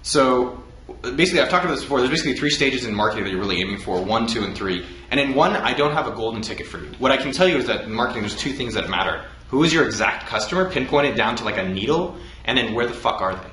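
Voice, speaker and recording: A man with a medium-pitched, lively voice and a sharp tone hosts a casual chat full of startup advice. He talks fast and loose, swears freely and laughs often. The room is echoey, with faint background noise.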